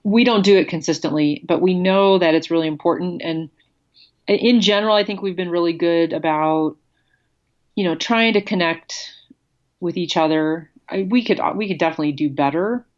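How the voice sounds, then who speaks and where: Blunt, candid woman, lower voice. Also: normal speed, highs cut off. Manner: candid, blunt, laughs often. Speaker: guest, former pro cyclist. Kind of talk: casual interview.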